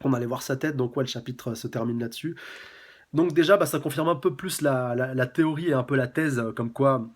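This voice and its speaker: Chatty man reviewing a comic. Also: medium pitch. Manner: chatty, halting with many fillers and quick laughs. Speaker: manga reviewer. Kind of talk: casual live chapter review, reading dialogue aloud.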